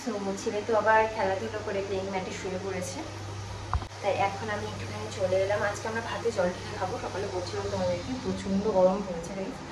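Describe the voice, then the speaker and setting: A woman's voice: mid-range voice, heavy background noise. A young woman chatting casually to camera as a family vlogger at home, filmed on a phone. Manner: chatty, keeps addressing viewers as "guys". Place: home, indoors.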